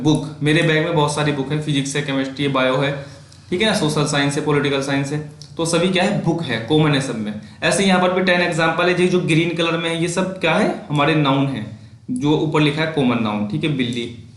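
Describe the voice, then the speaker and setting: A man teaching English grammar in a casual, explaining way, with an Indian accent, often checking in with "okay?" and reading English examples slowly. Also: on the high side, reverberant.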